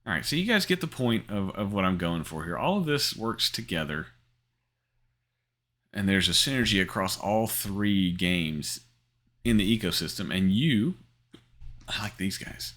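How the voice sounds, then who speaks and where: Here a middle-aged crypto gaming host gives relaxed screen-share commentary, wandering off track with many fillers, ums and restarts. He speaks in a fairly bright voice on the low side.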